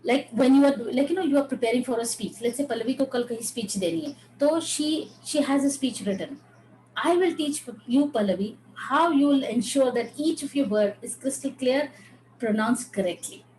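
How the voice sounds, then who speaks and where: A woman's voice: sits high, extremely slow, warm tone, roomy sound, slight background noise, low-quality recording. A woman with an Indian English accent teaching an online voice class, switching between Hindi and English and asking the class questions. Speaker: voice coach. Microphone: video call.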